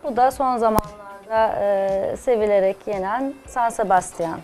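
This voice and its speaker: A woman in her sixties, a guest cook and cafe owner, soft-spoken and modest. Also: medium pitch, unhurried, over music. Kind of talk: studio interview. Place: TV studio kitchen set.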